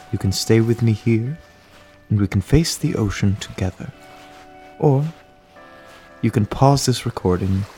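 A man with a low, gentle, caring voice leads a guided meditation, reading a soothing script very slowly. He sounds calm and reassuring, leaves room between phrases, and has soft music playing behind him.

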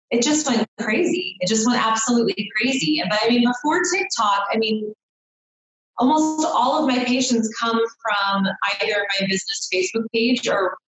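A woman's voice: mid-range voice, fairly bright tone. A woman in her thirties, a chiropractor guest on a podcast, chatting casually and rambling with lots of "I mean" and "you know". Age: 30s. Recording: very echoey room.

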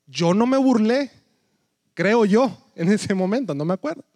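A man's voice: high voice, expressive, measured pace, darkish tone, no room sound, clean studio sound. A man, a pastor preaching a sermon in a conversational storytelling way that keeps checking in with his listeners.

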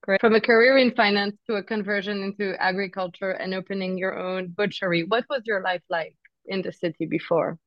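A woman hosting a podcast, presenting in a measured, carefully phrased way as she introduces and questions a guest. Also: mid-range voice, steady tone, no echo, lo-fi sound. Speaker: podcast host.

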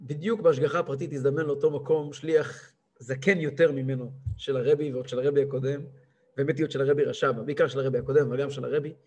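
A man in his thirties, a rabbi giving a lively weekly lesson, who acts out a cantor's chanting and scolds him. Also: medium pitch, slightly rough. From Israel. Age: 30s. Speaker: rabbi teaching a weekly class.

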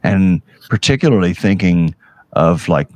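Deep-voiced man, halting interviewer, very dry sound. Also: expressive, darkish tone, no echo. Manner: halting, searching for words. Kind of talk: casual, reflective conversation.

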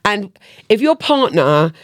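A woman's voice: medium pitch, big pitch swings, takes it slowly, no room sound. A middle-aged woman co-hosting a podcast in casual chat, frank and laughing, steering the talk on a studio mic. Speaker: podcast co-host.

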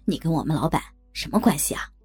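A shrewd, guarded middle-aged man, voiced by a woman narrator. His low, husky voice probes with a suspicious edge and varied pitch. There is faint music in the background. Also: animated, fast talker, a little mellow, no room sound, exaggerated voice.

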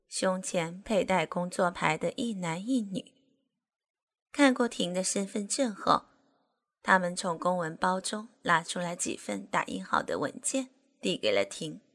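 Lady reading an audiobook really slow and steady, middle pitched voice. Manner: measured, unhurried storytelling. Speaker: narrator. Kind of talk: scripted audiobook narration.

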